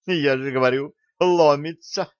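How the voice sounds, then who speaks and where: A man's voice: medium pitch, animated, dry recording, highs cut off. A man reading an audiobook, voicing a cheeky female hologram who serves the ship. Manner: brisk, cheeky.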